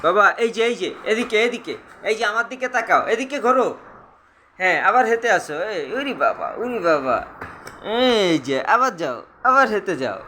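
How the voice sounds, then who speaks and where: A man's voice: sits high, big pitch swings, a little fast, pushed and bright, a little hiss or hum. A man at home talking to his toddler in coaxing, sing-song baby talk, full of playful exclamations. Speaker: father filming his toddler. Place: at home indoors.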